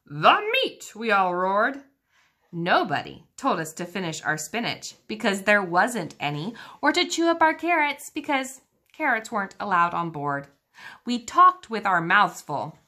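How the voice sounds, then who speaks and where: A woman's voice: mid-range voice, very animated, measured pace, bright, forceful tone. A woman teacher reading a children's book aloud, engaging her young listeners with questions about the pictures.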